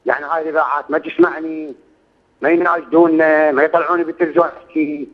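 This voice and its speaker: In dull phone-line audio, an Iraqi man in his sixties talks very fast in a fairly high, steady tone. He is a caller making a complaint on a radio show, pleading about how hard things are, swearing oaths and repeating himself in an Iraqi Arabic accent.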